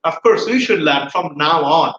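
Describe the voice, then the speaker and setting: A high, bright-voiced man teaches English pronunciation with lively energy, repeating each word for his students to echo back. The recording sounds roomy and a little dull, with faint hiss underneath. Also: drawn-out words. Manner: energetic, repeats words for students to say after him. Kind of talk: classroom-style video lesson, mixing Bengali and English.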